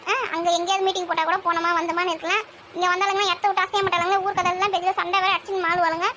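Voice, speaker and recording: High-pitched gossipy woman. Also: flat delivery, racing, noisy background. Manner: loud, grumbling, gossipy. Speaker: comedy sketch performer. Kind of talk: comic village sketch acting.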